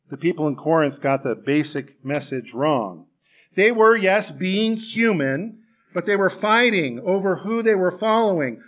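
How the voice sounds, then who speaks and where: A man's voice: a little high, muffled recording. A man preaching a sermon in a church, talking in a conversational way and putting rhetorical questions to the congregation.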